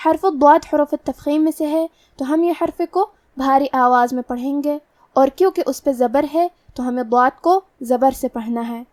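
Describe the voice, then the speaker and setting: A woman with a high, clear voice teaches the rules of Quran recitation in a slow, methodical way. She sits a little back from the mic, and the sound is dry, with no room echo. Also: darkish tone, distant mic. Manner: slow, careful, methodical explanation. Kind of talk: tajweed lesson, explaining letter rules.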